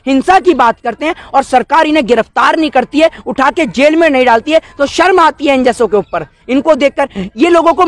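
Standing outdoors by a wall, a man in his twenties gives an impassioned political street interview, indignantly posing rhetorical questions. His pitch is extremely high and his tone fairly bright. The recording is dry, caught on a close bunch of handheld news mics.

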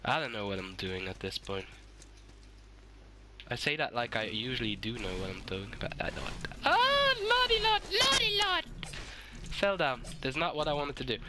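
A sick, hoarse man giving swearing, excitable let's-play commentary and shouting at the game. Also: mid-range voice, moderate pace, very noisy. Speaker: gaming YouTuber.

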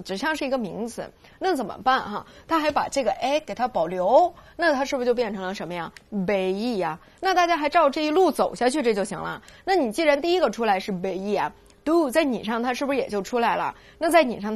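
A woman teaching a Spanish grammar lesson, coaxing her students with constant questions and slowly drilling the verb forms. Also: a little high. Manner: lively, coaxing, full of rhetorical questions.

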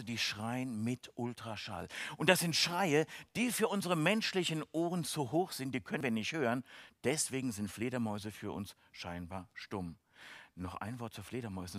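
Playful, animated man lecturing children. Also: medium pitch, dry recording. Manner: enthusiastic, playful, speaks directly to kids. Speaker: science presenter for children. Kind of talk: lively children's science lecture. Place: university event, online stream.

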